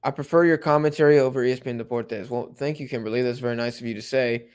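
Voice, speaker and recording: A young man hosting a live football watch-along, chatting casually with viewers and getting excited at big plays. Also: medium pitch, fast, smooth. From Mexico-supporting fan. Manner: laid-back, chatty, bursts of excitement at plays. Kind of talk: casual live commentary and chat reading.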